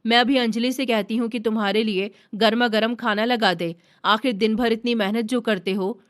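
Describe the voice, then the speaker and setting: A woman's voice: on the high side, steady tone, moderate pace, close to an everyday voice. A woman voicing a domineering middle-aged mother-in-law who is bossy and doting to her sons.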